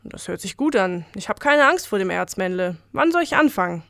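A woman's voice: medium pitch, very animated, fairly quick, gravelly, a bit bright, no echo, studio quality. A woman voicing an earnest young male miner, polite and eager.

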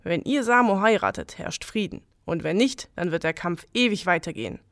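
A woman's voice: fairly low pitch, sing-song, normal speed, fairly bright tone, dry recording, studio quality. Woman voicing a stern medieval prince. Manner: firm, commanding. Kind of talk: audio legend reading.

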